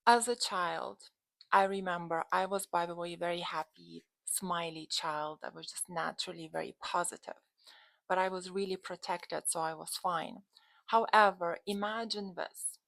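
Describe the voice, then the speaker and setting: With a Lithuanian accent, the host of a dating and relationship coaching channel addresses the camera in a casual, emphatic way. She speaks at a moderate pace in a lowish, creaky voice with fairly even intonation and a fairly bright tone, recorded dry.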